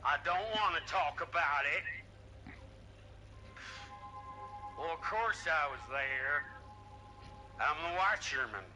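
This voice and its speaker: A bitter, boastful old drunk of a watchman in a video game. His slurred rambling is high-pitched and very slow, with prominent music underneath. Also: animated, rough recording. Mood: rambling, fond.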